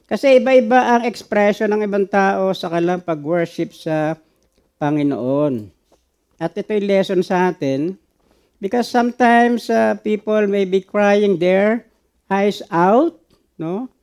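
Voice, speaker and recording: Gravelly-voiced Filipino pastor, slow sermon. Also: male voice, high voice, a little mellow. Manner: switches between Tagalog and English, asks the congregation questions.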